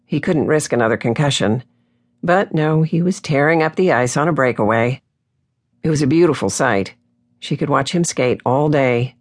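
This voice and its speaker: A woman's voice: very deep voice, expressive, normal speed. Woman narrating a romance audiobook.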